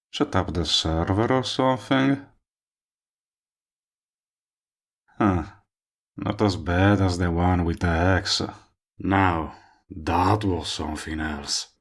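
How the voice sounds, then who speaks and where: A voice actor with a low, heavily acted voice plays a cocky, lovestruck villain in an intimate audio roleplay. He speaks straight to the listener he's wooing, teasing and coaxing them.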